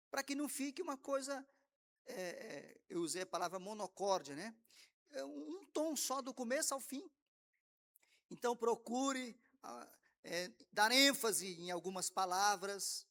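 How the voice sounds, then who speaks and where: A man with a Brazilian Portuguese accent, a pastor teaching from the pulpit in a conversational way, often adding tag questions and slowing down to stress words. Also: high voice, a bit bright, long reverb tail. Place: church.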